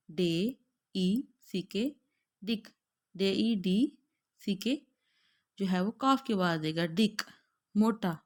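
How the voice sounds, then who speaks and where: Slow, careful Pakistani woman teacher. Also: medium pitch. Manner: drawn-out, carefully spelled-out words, glossing each in Urdu. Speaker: German language teacher. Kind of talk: slow pronunciation lesson, repeating each word.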